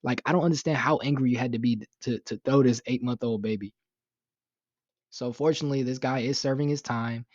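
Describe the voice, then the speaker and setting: A man's voice: medium pitch, steady tone, brisk, a little mellow, no echo, muffled recording. A young man giving casual commentary on a news story, rambling with lots of fillers, swearing and sounding indignant. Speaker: YouTube commentator.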